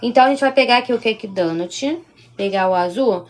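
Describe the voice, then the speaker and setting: A woman's voice: a little high, fairly quick. A woman with a Carioca accent from Rio de Janeiro, leading a live-streamed baking demonstration and chatting with viewers as she works. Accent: Carioca Portuguese. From Rio de Janeiro, Brazil. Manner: chatty, keeps checking in with viewers. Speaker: baking instructor.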